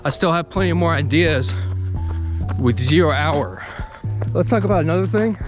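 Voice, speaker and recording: Jogging and exerting himself, a video creator with a higher-pitched voice talks about his channel in an unscripted, casual vlog. He's expressive at a moderate pace, his speech effortful, with music playing behind him.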